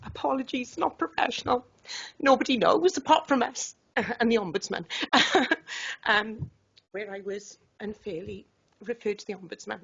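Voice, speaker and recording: Emotional Welsh woman with a gravelly voice. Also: mid-range voice, a bit bright. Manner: emotional, halting, apologetic. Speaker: councillor. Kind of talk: tribute speech at a council meeting. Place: council chamber. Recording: dull lo-fi chamber mic.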